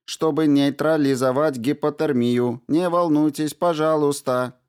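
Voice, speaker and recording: A man voicing a calm, courteous male medical robot in an audiobook, speaking slowly and soothingly, higher than his own voice. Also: clear, resonant tone, close to an everyday voice. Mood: calm polite.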